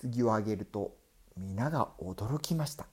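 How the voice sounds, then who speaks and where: A man narrating a Japanese folk tale aloud in a deliberate storytelling manner. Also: on the low side, animated, slightly rough.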